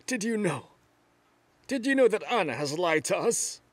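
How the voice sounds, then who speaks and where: A man's voice: sits high, very animated, normal speed, no echo. An actor dubbing a stern, angry older father who scolds his daughter-in-law. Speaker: dub actor. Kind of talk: drama dub.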